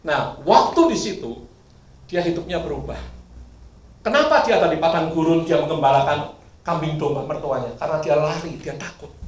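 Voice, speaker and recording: Animated preacher in an echoing church hall. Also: male voice, a little high, slight background noise. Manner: lively, swings from loud bursts to quiet asides, sings briefly. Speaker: pastor. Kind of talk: sermon. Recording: echoey hall, mic at a distance.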